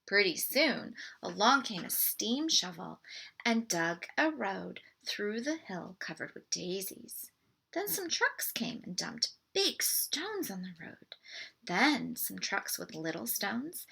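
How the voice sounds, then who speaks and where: Reading a picture book aloud to children, a woman uses a medium-pitched voice that's bright yet husky, with a creaky edge. Her delivery is expressive and deliberate.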